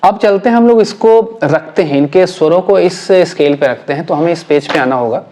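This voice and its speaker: A man's voice: on the high side, moderate pace, mellow, a little hiss or hum. Patient male music teacher explaining theory. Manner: patient, repeats points and checks understanding often.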